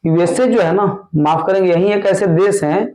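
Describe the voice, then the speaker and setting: A man teaching an exam-prep grammar lesson, going slowly and repeating each answer word by word. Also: high voice, mellow, rough recording. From India. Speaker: English teacher.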